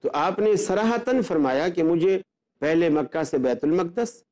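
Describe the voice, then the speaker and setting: This man, in the role of an Islamic scholar, walks through matters of belief with earnest, methodical explanation, frequently using rhetorical questions to argue his point. Though a little high, his voice has a dark, mellow quality, and he speaks expressively at an unhurried pace.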